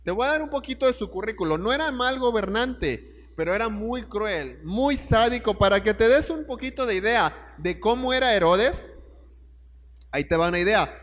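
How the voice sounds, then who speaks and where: A man's voice: high-pitched, animated, normal speed, fairly bright tone, big-room sound. A man preaching a sermon, telling the story and putting questions straight to his listeners.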